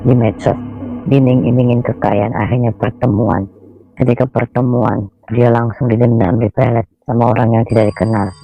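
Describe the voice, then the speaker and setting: A man's voice: mid-range voice, creaky, warm tone. A man, a spiritual healer, giving an earnest, admonishing talk in a dull lo-fi recording.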